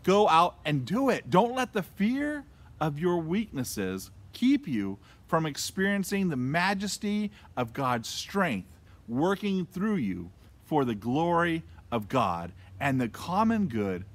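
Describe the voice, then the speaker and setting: A man's voice: a little high, very animated, takes it slowly. A man preaching a casual, conversational sermon with playful asides. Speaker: pastor.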